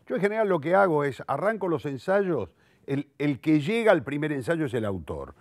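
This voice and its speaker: Speaking at a moderate pace with no echo, a man with a fairly high pitch and big pitch swings gives a reflective interview. He is in his sixties, teaches theatre, writes and directs plays, and has a Rioplatense Argentine Spanish accent. Eloquent yet self-correcting, he thinks aloud and often repeats words while searching for the next.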